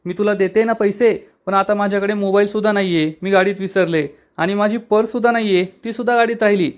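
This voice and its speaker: A man's voice: sits high, fairly even intonation, fast talker, highs cut off, pitched above the performer's own voice, close to an everyday voice. A man voicing a snappy, irritated young woman. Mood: exasperated. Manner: snappy, exasperated. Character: irritated young woman, proud and quick-tempered. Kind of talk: serial recap with retold dialogue.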